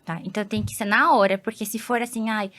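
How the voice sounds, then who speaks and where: A woman's voice: mid-range voice, fairly even intonation, fast talker, fairly bright tone. A woman psychologist with a Brazilian accent, patiently explaining things with everyday examples as a podcast guest.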